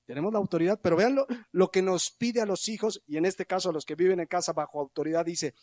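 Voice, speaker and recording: A middle-aged Mexican pastor delivers his sermon with a notably high-pitched voice. He is lively and animated, acting out everyday scenes, then slows right down to stretch the words that matter. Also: no echo. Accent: Mexican Spanish. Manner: animated, acts out little scenes with quoted voices.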